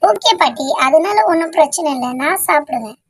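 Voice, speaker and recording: A woman's voice: high-pitched, expressive, moderate pace, no room sound. A woman voicing a polite, sweet little girl who is new to the village in a cartoon.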